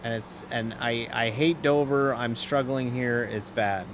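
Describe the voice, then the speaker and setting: This sim-racing streamer speaks at a medium pitch in a steady tone, with slight noise behind him. Between driving calls he chats and rambles casually, frequently breaking off to restart sentences, and he's quick to laugh.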